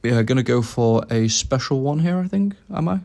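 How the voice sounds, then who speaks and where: A man's voice: mid-range voice, animated, moderate pace, gravelly, a little mellow. A young man giving casual commentary over his own game, thinking aloud about each move as he plays.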